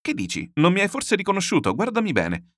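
A baffled, indignant gentleman voiced by a man protests in startled questions. His voice jumps upward with surprise. It is a dry storybook recording. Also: high voice, huge pitch swings, fairly quick, no room sound, voice pushed up, exaggerated voice.

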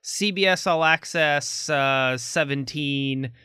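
A man's voice: fairly high pitch, slow, pushed and bright, smooth, no room sound. Male co-host, jokey and easygoing, dry close sound. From Florida. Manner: jokey, reads headlines and numbers aloud. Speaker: podcast co-host. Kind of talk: casual chat.

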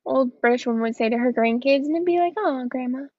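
A woman's voice: high voice, fast talker, darkish tone, no echo, highs cut off. A woman co-hosting a casual book discussion, chatty and swearing, acting out quotes. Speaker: book podcast co-host.

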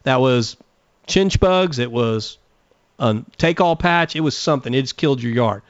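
A man's voice: mid-range voice, moderate pace, no echo, lo-fi sound. A man hosting a radio gardening call-in show, giving direct, folksy advice. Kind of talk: radio call-in talk and live ad read.

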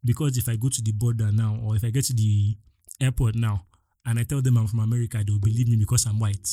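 A young man with a Nigerian accent hosting a solo podcast, talking in an animated, exasperated way straight to his listeners. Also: on the low side, fast, no echo, studio quality. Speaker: podcast host.

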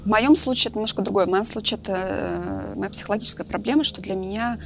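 A woman's voice: medium pitch, fast, gravelly, a little hiss or hum. A woman in her thirties talking candidly in a casual podcast conversation, thinking aloud with lots of fillers. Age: 30s. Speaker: guest, film director.

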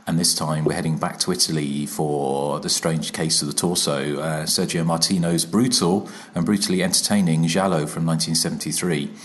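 A man's voice: rumbling low, steady tone, moderate pace, hardly any pauses. A man hosting a casual podcast, recorded in an empty, slightly echoey room. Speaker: podcast host. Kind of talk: casual podcast introduction and chat. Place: empty room at home, indoors. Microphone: microphone with a laptop.

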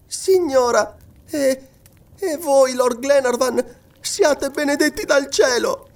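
Guy doing a young girl's voice way up high, begging and teary, audiobook. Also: slow, darkish tone, exaggerated voice. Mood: eager. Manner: tearful, imploring. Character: anxious young girl pleading for her father. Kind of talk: audiobook reading.

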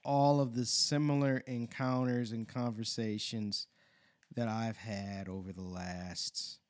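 A man's voice: mid-range voice, fairly even intonation, slow pace. A man co-hosting a discussion, emphatic and wry, speeding up when he drives a point home. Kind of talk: conversational discussion.

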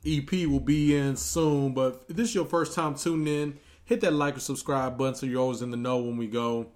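A man's voice: medium pitch, steady tone, a little fast, a little mellow. A man hosting a casual comedy podcast, talking in a loose, easygoing way with lots of fillers. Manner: laid-back, loose, with frequent "uh" fillers. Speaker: podcast host.

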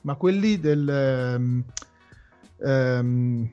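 A man's voice: mid-range voice, extremely slow, mellow. A man hosting a casual interview chat in a joking, rambling, digressive way. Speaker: host. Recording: slightly dull audio with music behind. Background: music.

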